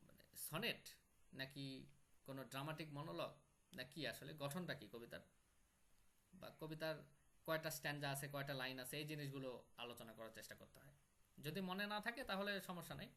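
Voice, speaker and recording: A man's voice: a little high, bright, forceful tone. A man teaching an online poetry class, explaining step by step and repeating key terms.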